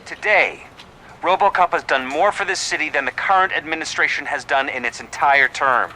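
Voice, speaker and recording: An actor playing an assured, emphatic politician giving a campaign speech in a video game. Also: male voice, on the high side, moderate pace, bright, forceful tone, a little hiss or hum, rough recording. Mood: rallying.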